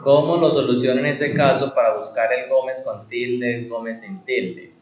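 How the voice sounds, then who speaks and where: A male instructor teaching a computer class, asking rhetorical questions and answering them himself, repeating key words and slowing down on them for emphasis. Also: mid-range voice, steady tone, reverberant, low-quality recording.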